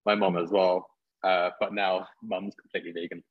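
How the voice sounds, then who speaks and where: A man hosting a podcast, talking in a relaxed, chatty way with easy restarts. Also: low-pitched, normal speed, narrow, tinny audio. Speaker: podcast host. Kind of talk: casual conversational interview.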